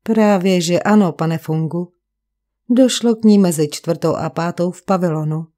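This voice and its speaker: In an audiobook, a woman voices a stern male magistrate who coolly and probingly questions a suspect. Her delivery is cold and inquiring, lightly acted, with a fairly low, mellow pitch.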